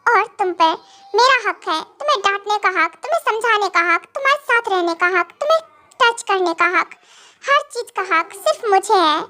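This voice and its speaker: A woman's voice: very high-pitched, lively intonation, normal speed, pushed and bright, heavily acted. A woman voicing a stern, possessive young husband in a fan audio drama, scolding and then coaxing.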